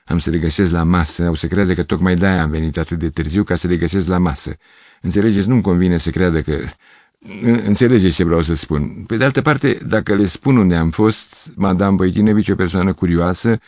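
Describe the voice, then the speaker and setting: A man's voice: low-pitched, a little mellow, no room sound, natural voice. A man voicing a fussy, flustered middle-aged male piano teacher who rambles and over-explains. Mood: fretful.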